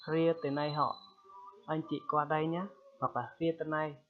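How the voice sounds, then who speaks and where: A man giving a casual spoken language lesson, repeating phrases slowly and loudly for learners and often checking in with them. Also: on the high side, level tone, slight background noise. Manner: chatty, checks in with "được chưa?". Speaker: language teacher. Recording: tinny phone-like sound.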